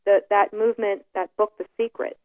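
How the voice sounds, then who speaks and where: This New York woman, a guest in a casual phone interview, keeps hesitating, filling gaps and restarting her sentences. Her mid-range voice has a flat delivery and a brisk pace. Her telephone audio sounds tinny, with no room sound.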